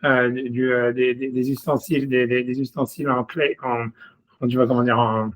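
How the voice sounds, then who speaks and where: A man's voice: medium pitch, flat delivery, moderate pace. A rabbi leading a casual one-on-one text study over a video call. He talks in a chatty way, fills nearly every phrase with "you see", and reads scripture aloud in Hebrew.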